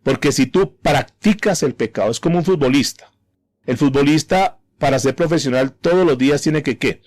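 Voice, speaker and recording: Higher-voiced male pastor preaching a sermon. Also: moderate pace, darkish tone. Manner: preaches with rhetorical questions to the listener; repeats words as he gathers his thoughts. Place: church hall with a congregation.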